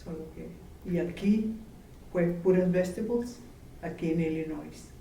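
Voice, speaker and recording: A woman from Mexico, slowly and gently reminiscing in an interview. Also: lowish voice. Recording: roomy, distant, faint background noise.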